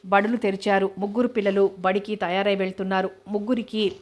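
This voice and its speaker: A woman narrates a novel in a steady, measured reading voice. Her pitch sits in a narrow band, keeping the delivery calm and level from line to line. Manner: even, steady reading, voicing all characters lightly. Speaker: novel reader.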